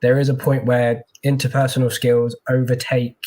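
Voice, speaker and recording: A man's voice: mid-range voice, flat delivery, normal speed, a little mellow. A man working as a tech recruiter, chatting casually in an interview with lots of fillers and restarts, heard over a video call.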